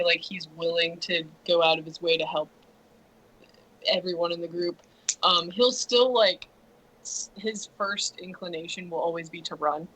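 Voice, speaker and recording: Husky, bright-toned woman player. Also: fairly low pitch, low-quality recording. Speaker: tabletop player. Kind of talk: casual chat about her character.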